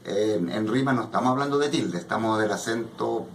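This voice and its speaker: A man runs a classroom poetry workshop in a fairly low, creaky voice, speaking briskly. He explains with patience and keeps checking comprehension with "¿ya?"; a distant mic in an echoey room picks up slight background noise.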